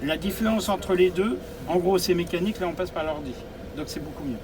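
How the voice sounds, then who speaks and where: A man with a high voice talks fairly quickly as he presents a coach, walking a group of drivers through its controls. He's a driving instructor, practical and prone to repeating his tips, speaking inside the vehicle with the outdoors nearby and noise behind him.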